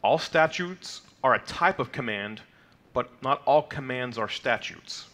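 Measured in pace and expressive, his mid-range voice sounds a bit bright. This man in his thirties, whose first language is not Hebrew, teaches the weekly Torah portion from a lectern in a mid-size sanctuary, patiently clarifying terms and frequently using fillers and "okay?" to check in with the congregation.

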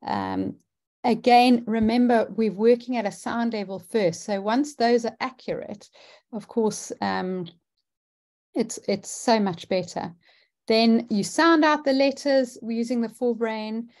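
A woman's voice: medium pitch, darkish tone. A woman, a dyslexia specialist teacher, presenting a webinar and explaining her methods step by step with frequent fillers.

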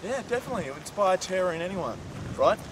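A man in an amateur comedy sketch, chatting deadpan with a friend outdoors by a road. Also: high-pitched, fast. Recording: distant outdoor mic, wind noise.

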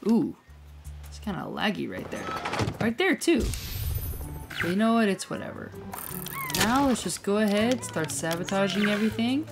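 A woman hosting a let's play, chatting casually and thinking out loud as she plays. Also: mid-range voice, big pitch swings, moderate pace, gravelly, pauses often. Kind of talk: casual gameplay commentary. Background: loud game music.

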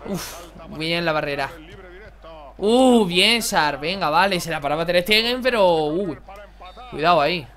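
A young man, excitably commentating his own football video game match for viewers. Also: high voice, measured pace. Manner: excitable, exclaiming, chatty. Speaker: gaming youtuber. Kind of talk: live gameplay commentary.

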